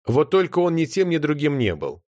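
A man narrating an audiobook in an expressive reading style. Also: fairly high pitch, fairly quick, no echo, studio quality.

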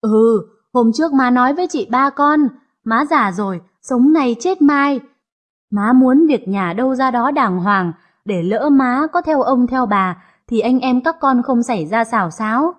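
A woman's voice: a little high, lively intonation, unhurried. A woman voicing a stern old mother. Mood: earnest. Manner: scolding, sharp-tongued. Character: stern grieving elderly mother, family matriarch.

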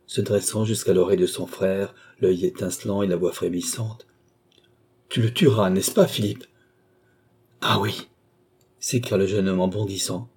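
A man reading a classic novel aloud as an audiobook narrator, in even, steady storytelling. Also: low-pitched, breathy edge.

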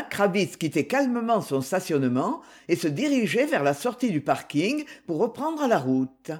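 An audiobook reader narrating a novel with steady, expressive reading. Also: mid-range voice.

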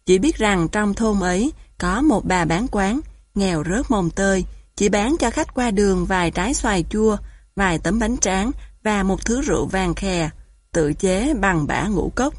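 A woman reading a story aloud in a gentle storytelling manner, lightly voicing the characters. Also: medium pitch, expressive, unhurried, no echo, studio quality. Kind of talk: audiobook narration.

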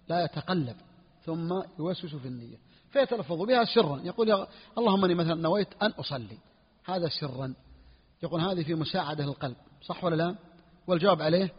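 A husky male sheikh explains a jurisprudence text at a brisk clip, his voice sitting a little high. He repeats his key phrases and keeps checking that his students follow. The recording is dull and carries a long hall echo. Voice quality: husky, clears throat often. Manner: repeats phrases, asks students "clear or not?". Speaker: sheikh teaching Hanbali jurisprudence. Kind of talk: classroom lesson explaining a fiqh text.

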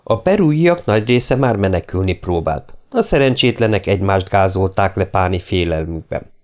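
Low-voiced male audiobook narrator. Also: animated. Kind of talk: scripted narration.

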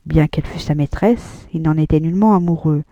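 Dark, dry female audiobook narrator. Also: low-pitched, dry recording. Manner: measured, even reading. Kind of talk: scripted literary narration.

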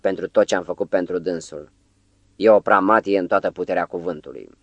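A man voicing a nervous, flustered poet who talks in an anxious, hushed way, in an audiobook. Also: low-pitched, vocal fry, no room sound, dull audio. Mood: bitter. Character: nervous flustered male poet, middle-aged.

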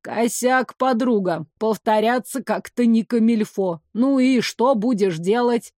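A man's voice: very high voice, measured pace, a little mellow, no room sound, studio quality. A woman reader voicing a sardonic male companion who teases in casual slang, in an audiobook. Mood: mocking.

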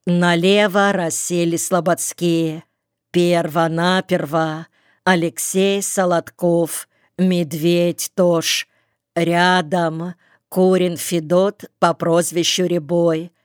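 A woman narrating an audiobook with a calm, measured reading, recorded in a studio. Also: lowish voice, clean tone, no room sound. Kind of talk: scripted narration.

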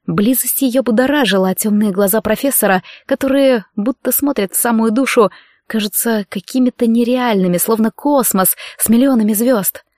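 Woman reading an audiobook, expressive, bone dry close sound. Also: on the high side, dry recording. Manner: expressive storytelling. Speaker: audiobook narrator. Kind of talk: scripted romance audiobook narration.

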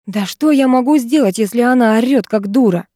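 A woman's voice: fairly high pitch, fairly quick, dark tone, no room sound, clean studio sound, voice pushed up, close to an everyday voice. A woman voicing a crude, brutal male kidnapper who snarls lewd threats, in a storybook reading. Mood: menacing.

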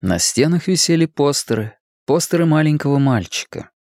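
A man reading a novel aloud as a narrator in a steady, measured voice. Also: on the high side, no echo, studio quality. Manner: reads character lines in raised, stammering voices. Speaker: audiobook narrator. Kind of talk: scripted narration.

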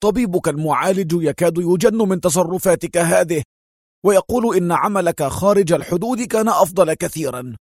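Brief: man voicing a brusque senior spy chief, slightly raised, clipped and forceful. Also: a little high, very animated, moderate pace, no echo, studio quality. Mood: stern. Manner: sharp, forceful, indignant. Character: stern older male intelligence director. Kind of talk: audiobook character voice.

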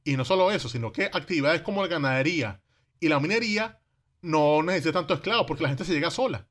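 Lively intonation and a fast pace mark this man's fairly bright, high-leaning voice, which carries a Venezuelan Caribbean Spanish accent. He narrates history casually in slang, with rhetorical questions and performed quotes.

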